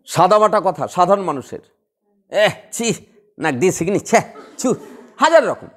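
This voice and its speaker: A man's voice: sits high, sing-song, normal speed, fairly bright tone. A man teaching a class on poetic rhythm, who talks playfully, laughs often and acts out quarrels and recites verse. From West Bengal. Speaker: Bengali literature tutor.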